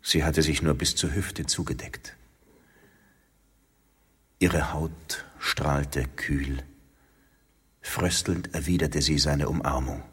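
A man reading a story aloud in a calm, measured narration. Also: a bass voice, breathy edge, in a large hall. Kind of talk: scripted narration.

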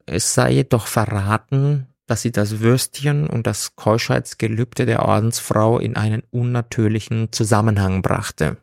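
Slow gravelly male storyteller. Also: lowish voice, fairly even intonation, a little mellow, no echo, clean studio sound. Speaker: narrator. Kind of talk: audiobook reading.

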